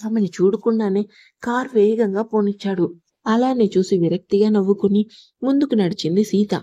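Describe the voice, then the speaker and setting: A woman narrating a love story in a steady, even reading voice. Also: mid-range voice, moderate pace, no room sound, dull audio.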